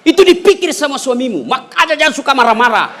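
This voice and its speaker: A man giving a humorous, teasing sermon to a crowd, emphatic and rousing, with shouted calls to the audience. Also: very high-pitched, expressive, fast talker. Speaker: preacher. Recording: echoey hall.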